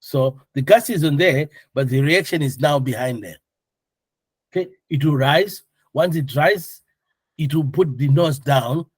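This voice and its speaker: This air traffic control course instructor has a slightly high, husky voice and takes his time. His teaching style is casual and full of jokes, with questions to the class and step-by-step explanations, captured with no echo.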